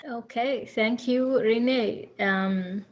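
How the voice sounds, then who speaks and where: A woman from Sudan, a district's new DEI director, introducing herself at a town hall in a halting way, with many fillers and restarts. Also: a little high, dull audio.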